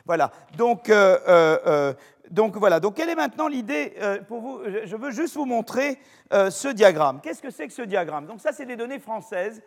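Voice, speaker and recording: A man's voice: high-pitched, big pitch swings, normal speed. An older man with a French accent giving a university lecture in a chatty, digressive way, full of fillers and restarts. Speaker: professor lecturing. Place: lecture hall. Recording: long reverb of a lecture hall.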